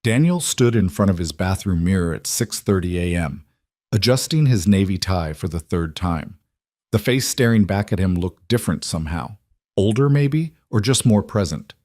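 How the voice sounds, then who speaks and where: A man narrates a drama story in a measured, even way. His voice sits on the low side and the sound is dry and close. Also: no echo.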